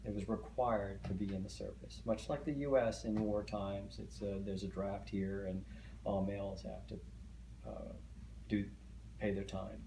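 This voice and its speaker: A middle-aged man whose first language is Hungarian is the interviewee in an oral history interview. He speaks in a low monotone, halting and hesitant, with frequent fillers and restarts. The room is echoey, with a faint hiss.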